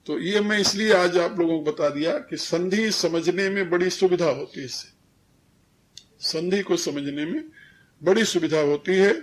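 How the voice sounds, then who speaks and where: Older male spiritual teacher, high-pitched and unhurried, didactic with frequent chuckles. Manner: didactic, chuckles while correcting pronunciation. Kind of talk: religious discourse. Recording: 1993 recorded lecture.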